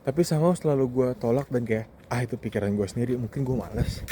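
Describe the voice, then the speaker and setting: Out on a walk, a young man in his 20s with an Indonesian accent shares candid, easygoing reflections for his vlog, often stopping to pause and mixing in English. The voice is mid-range and dark-toned, recorded outdoors with wind and ambient noise audible.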